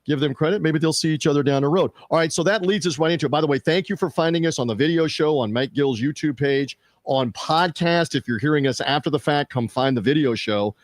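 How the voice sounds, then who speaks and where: A man hosting a sports media podcast, chatting casually with fillers and quick restarts. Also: fairly high pitch, dry recording, studio quality. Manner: conversational, fillers and restarts, reads out show plugs.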